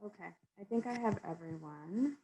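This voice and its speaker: A woman's voice: on the low side, expressive, moderate pace, warm tone, poor audio. A woman moderating a video call, calling on people by name and chatting casually. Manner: friendly, apologetic, calls names.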